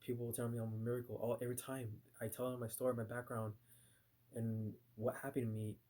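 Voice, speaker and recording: A man recounts a personal experience in loose, casual talk, heavy with fillers and restarts. His voice sits at an ordinary middle pitch, and he slips into short acted-out lines of what he said back then. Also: level tone, fast, dark tone. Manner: voices his own past reactions in bursts. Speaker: vlogger recounting a nightmare.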